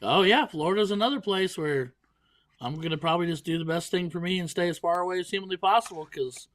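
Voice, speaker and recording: A man's voice: high voice, quick pace, fairly bright tone. A man giving casual live darts commentary.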